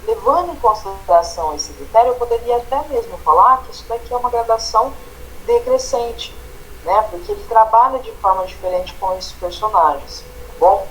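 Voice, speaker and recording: A man's voice: sits high, animated, fairly quick, fairly bright tone, a little hiss or hum, low-quality recording. Brazilian man teaching a grammar lesson. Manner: explanatory, tags phrases with "né?" and "tá?".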